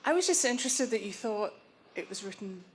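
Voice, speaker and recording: A woman's voice: mid-range voice, expressive, brisk, slight background noise. A woman from Scotland asking a question from the audience, in a chatty, hesitant way. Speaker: audience member.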